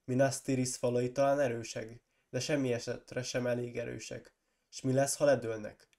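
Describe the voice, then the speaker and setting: A proud, forceful warrior lord who presses his point and flares into loud accusations, as a hoarse man reads him aloud. The voice is gravelly and mellow, with a rough edge from a cold, in the manner of a storybook reading. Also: mid-range voice, little pitch movement, close to an everyday voice. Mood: urging. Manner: insistent, rising to loud accusing outbursts.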